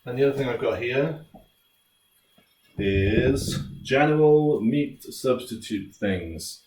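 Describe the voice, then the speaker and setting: A man's voice: mid-range voice, animated, takes it slowly, darkish tone. British male home cook, chatty and jokey, casual tutorial delivery; roomy, distant recording with faint noise. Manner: laid-back, jokey, chatty. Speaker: home cook presenting a recipe. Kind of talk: casual cooking tutorial chat.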